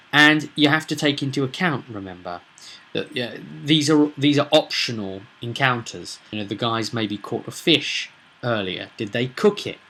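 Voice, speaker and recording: Speaking as a game master, this British tabletop roleplaying vidcast host rambles through unscripted commentary, tossing out rhetorical questions. His medium-pitched voice is bright and forceful, and he's emphatic and opinionated in a casual way.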